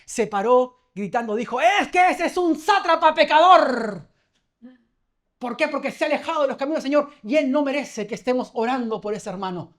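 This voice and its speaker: A man's voice: high voice, a little mellow. A man preaching a sermon as pastor, talking conversationally, telling stories and asking the congregation questions.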